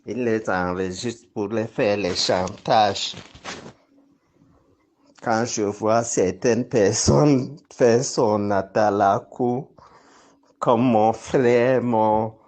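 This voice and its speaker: A man's voice: on the low side, fairly even intonation, very slow, a little mellow, slight background noise. A man from Cameroon with a Cameroonian accent speaks informally and insistently, laying out accusations and repeating himself for emphasis. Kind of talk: informal spoken exposé with accusations.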